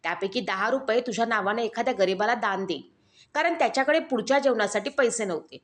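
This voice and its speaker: A woman's voice: fairly high pitch, expressive, fast, lightly acted. Woman reads a simple, earnest poor brahmin man. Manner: earnest praying. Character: poor naive male brahmin.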